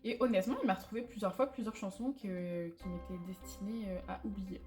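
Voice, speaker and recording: A woman's voice: mid-range voice, steady tone, a little fast, a little mellow. Chatty French-speaking woman vlogger. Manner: chatty, candid, self-mocking, many fillers. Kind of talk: casual chat to camera. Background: faint background music.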